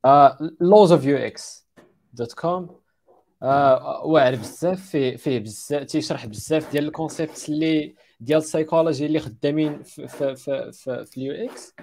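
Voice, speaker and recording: A panel participant with a Moroccan accent shares design resource recommendations in a casual talk, mixing in English and French terms. He talks fast in a fairly high, darkish voice, hesitating and repeating words as he searches, with a little hiss or hum audible.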